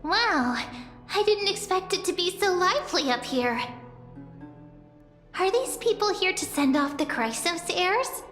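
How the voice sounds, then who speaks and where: A woman's voice: very high voice, sing-song, unhurried, fairly bright tone. A young woman voicing a game protagonist, wry and teasing. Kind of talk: game cutscene voice acting. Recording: roomy with long reverb, faint music.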